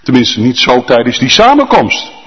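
A male pastor preaching a sermon with fervent emphasis and drawn-out, emphatic lists. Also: medium pitch, huge pitch swings, fairly bright tone, long reverb tail.

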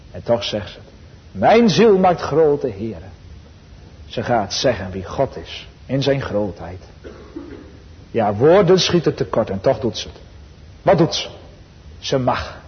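A man preaching a sermon to his congregation, earnest and emphatic, slowing for quotations and rising in fervor. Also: medium pitch. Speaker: pastor. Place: church. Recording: dull sound with long church reverb.

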